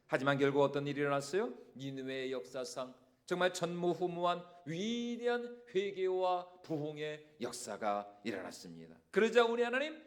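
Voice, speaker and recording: Animated high-voiced male pastor preaching. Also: moderate pace, hardly any pauses. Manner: animated, asks the congregation rhetorical questions. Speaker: senior pastor. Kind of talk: Sunday sermon. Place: church sanctuary.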